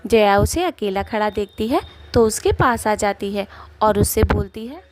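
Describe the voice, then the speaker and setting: A woman's voice: mid-range voice, animated, a little slow. A woman giving plain scripted narration for a cartoon story.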